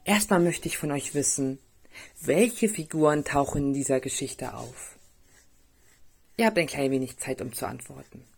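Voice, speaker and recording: Low-voiced woman reading a children's story. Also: normal speed, vocal fry, slightly rough. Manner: gentle and expressive, addressing children.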